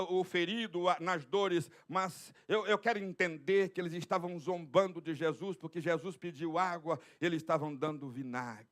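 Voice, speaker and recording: A male pastor preaching a Pentecostal sermon in church, swinging from loud shouts to hushed murmurs and speaking in tongues. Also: high-pitched. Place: church sanctuary.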